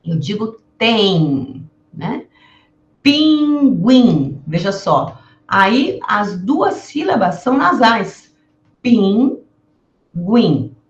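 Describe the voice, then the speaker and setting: A woman teaching a recorded language lesson, pronouncing words slowly and carefully and repeating them to demonstrate each sound. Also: medium pitch, reverberant, lo-fi sound.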